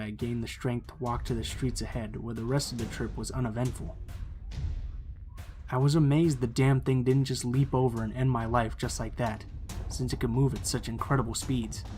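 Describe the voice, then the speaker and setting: A man reading a true scary story aloud as the channel's narrator, in a steady, measured storytelling delivery. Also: mid-range voice.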